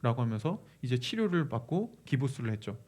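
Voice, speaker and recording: A man preaching a sermon, moving from quiet storytelling to loud, impassioned pleading. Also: mid-range voice, big pitch swings, fairly quick, husky. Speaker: pastor.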